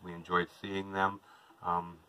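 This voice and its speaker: A man's voice: low-pitched, completely flat delivery, unhurried, sharp tone, slight background noise, low-quality recording. A man in his thirties, a vlogger, chatting casually to a camera across from him inside a small trailer. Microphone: camera a couple of metres away.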